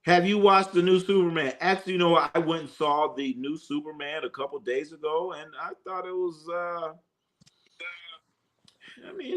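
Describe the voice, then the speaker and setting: On a live sports stream, a man with a rather high, slightly bright voice banters with his co-host and viewers while reading comments. His talk is loose and joking, packed with slang and fillers.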